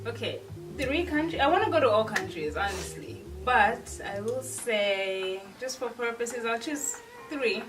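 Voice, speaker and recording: A woman's voice: on the high side, expressive, unhurried, distant mic. A woman from Uganda chatting casually as a guest, rambling a bit as she talks. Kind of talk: casual group chat.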